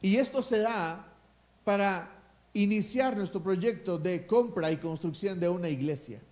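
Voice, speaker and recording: A man with a Mexican accent delivers a sermon as pastor, his voice sitting high for a man. He preaches emphatically, drops into quiet asides and then rises to loud declarations, and he calls for responses from the congregation. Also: measured pace.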